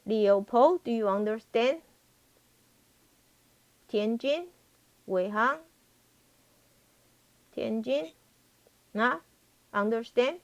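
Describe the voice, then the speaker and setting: A professor gives a live programming lesson in a slightly high, animated voice, speaking extremely slowly with frequent pauses. She repeats points and keeps checking for understanding, and the audio sounds dull.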